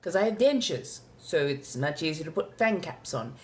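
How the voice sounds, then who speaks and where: Woman doing an old immortal vampire lady on a livestream, kinda low voice, posh colonial accent, very proper and polite but haughty. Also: very animated. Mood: poised, amused. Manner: refined, formal, old-fashioned wording, drawn-out deliberate phrasing. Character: ancient genteel female vampire, courteous but imperious. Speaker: livestream host answering viewer questions. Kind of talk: in-character live question-and-answer chat.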